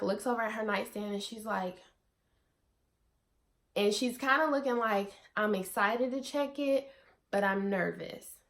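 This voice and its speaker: A woman's voice: mid-range voice, a bit bright. A young adult woman vlogging, telling a personal story casually to the camera with lots of fillers and asides to viewers. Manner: chatty, many "like" fillers, addresses viewers as you guys.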